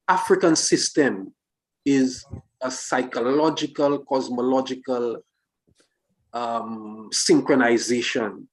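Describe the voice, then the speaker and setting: A man reasoning philosophically in a discussion, speaking deliberately phrase by phrase and posing questions. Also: mid-range voice, rough recording.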